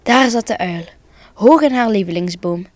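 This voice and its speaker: A woman reads a children's Christmas story aloud for broadcast, calm and expressive, at a normal speed. Her pitch is in an ordinary middle range, and the recording is close and dry with no room sound.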